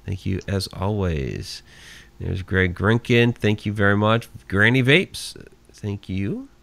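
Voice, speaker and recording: A man's voice: on the low side, expressive, slow, vocal fry, a bit bright. A man in his forties hosting a live radio show, casually thanking listeners by name and chatting easily. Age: 40s. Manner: reads out listener names with thanks, easygoing and chatty.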